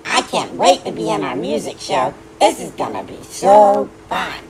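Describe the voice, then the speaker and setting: A woman voicing a friendly male cartoon starfish in a lowered voice. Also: sing-song, unhurried.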